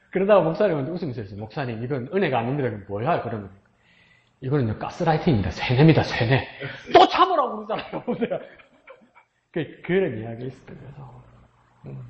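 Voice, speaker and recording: A man preaches a heartfelt, story-driven sermon in a somewhat high voice. His voice swells into pleading when he speaks God's words. The sound is roomy and a little dull, with faint ambience behind it. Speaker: pastor.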